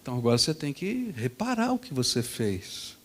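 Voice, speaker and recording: Stern quiet dad, a man putting him on in a sermon story: low, firm, unhurried. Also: big pitch swings. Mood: firm, calm. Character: stern calm father disciplining his young son.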